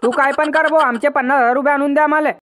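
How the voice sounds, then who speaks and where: A man voicing a nagging, sharp-tongued older village mother in a cartoon, speaking. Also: very high-pitched, steady tone, rapid-fire, pitched above the performer's own voice. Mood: angry. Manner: scolding, bossy.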